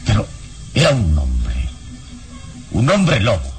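Kalimán, deep calm hero. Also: male voice, soft background music, full character voice. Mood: calm recounting. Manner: measured, composed, explanatory storytelling. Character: calm, heroic adult male mystic adventurer. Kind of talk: vintage radio drama acting.

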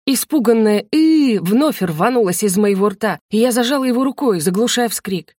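A woman narrating a first-person fantasy audiobook in a lively, wry manner. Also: medium pitch, moderate pace, breathy edge, dry recording, clean studio sound.

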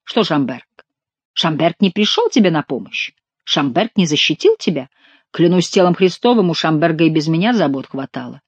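A woman's voice: low-pitched, expressive, normal speed, husky, no room sound, dull audio. A woman voicing an indignant young male courtier who talks with bitter sarcasm.

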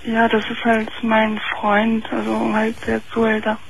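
A woman's voice: fairly high pitch, completely flat delivery, unhurried, creaky. A woman in her twenties calling in to a radio talk show over the telephone. She speaks hesitantly, with many fillers. Her voice comes through faint and thin. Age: 20s. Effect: faint, thin phone-line sound. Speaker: caller. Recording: muffled phone line with faint hiss.

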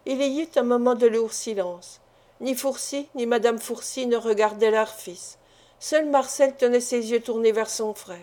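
A woman reads a classic novel aloud as an audiobook, with measured storytelling. Her voice sits a little high with a warm, mellow tone. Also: steady tone. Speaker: audiobook reader. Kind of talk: scripted narration of a novel.

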